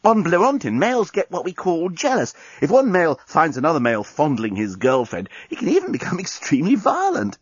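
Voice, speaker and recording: A man's voice: on the high side, huge pitch swings, a little fast, few pauses, breathy edge, dry recording, dull audio, voice pushed up, exaggerated voice. A man doing a smug, lecherous alien. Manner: smug and self-satisfied.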